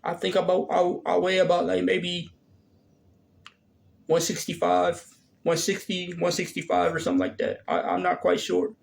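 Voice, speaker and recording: A man's voice: sits high, normal speed, gravelly. A man in his thirties answering viewer questions in a casual vlog, hesitant and full of fillers and restarts. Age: 30s. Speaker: vlogger.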